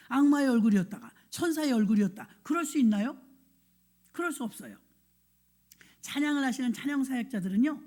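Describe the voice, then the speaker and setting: A woman's voice: on the high side, warm tone. A middle-aged woman pastor preaching a sermon, telling stories and acting out the dialogue with frequent laughs.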